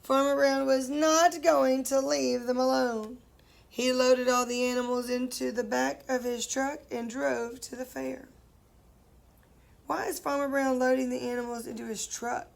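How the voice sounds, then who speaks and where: A woman's voice: high voice, flat delivery, unhurried, gravelly. A woman teacher reading a picture book aloud to children, stopping to ask them questions and playfully singing the animal noises.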